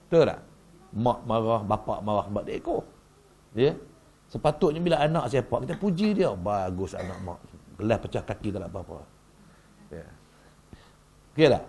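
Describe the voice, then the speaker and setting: A man giving a humorous religious workshop talk in a mosque, lively and peppering the audience with rhetorical questions. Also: on the high side, husky. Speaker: religious lecturer. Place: mosque hall.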